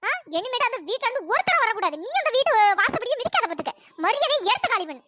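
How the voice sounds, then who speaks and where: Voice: very high voice, very animated, fast talker, heavy background noise. A performer playing a spiteful cartoon mother-in-law. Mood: scornful. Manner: sneering, bossy. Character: spiteful middle-aged mother-in-law, scornful. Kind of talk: cartoon story voice acting.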